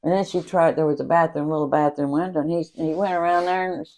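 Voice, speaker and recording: A woman's voice: low voice, quick pace. Laughing older woman telling stories. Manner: animated, laughs often, acts out quotes. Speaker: interviewee, mother. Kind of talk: casual family storytelling.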